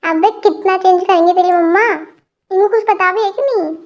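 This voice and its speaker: Woman reading as a cheeky college girl, teasing, gossipy, very high voice. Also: fairly even intonation, a little fast, darkish tone, muffled recording. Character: cheeky young woman friend, college student.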